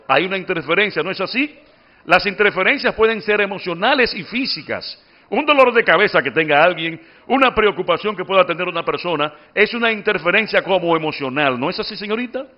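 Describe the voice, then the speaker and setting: A man's voice: high-pitched, highs cut off. A man giving a public speaking workshop, explaining and quizzing his audience. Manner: didactic, addresses audience with questions. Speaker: oratory instructor. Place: workshop at a book fair.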